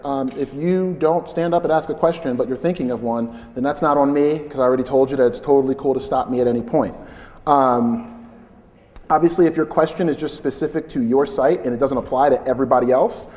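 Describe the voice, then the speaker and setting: A man giving a live conference talk in a loud, chatty, informal way. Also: medium pitch. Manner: loud, chatty, invites interruptions. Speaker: conference speaker. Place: large conference hall. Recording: long hall reverb.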